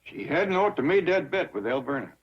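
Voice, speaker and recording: A man's voice: fairly high pitch, lively intonation, fairly quick, slightly rough. A man playing a patient, plain-spoken hillbilly father, drawling mildly in 1960s sitcom style. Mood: exasperated. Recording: dull TV audio with studio audience.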